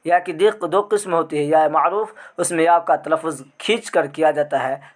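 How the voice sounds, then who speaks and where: Guy teaching online grammar class, kinda high voice, stretches out example words. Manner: slow, repeats questions and answers, drawing out example words.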